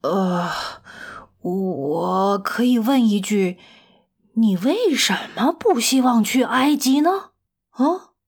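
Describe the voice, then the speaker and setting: A woman voicing a polite, stiff English gentleman manager who speaks slowly with sighing restraint. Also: mid-range voice, lively intonation, slightly rough, voice pushed down. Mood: puzzled.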